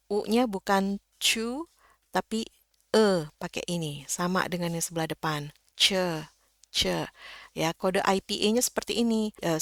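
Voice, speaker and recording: A woman giving a casual, patient English pronunciation lesson, slowly demonstrating sounds. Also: lowish voice, no echo, studio quality. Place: indoors, rain heard outside.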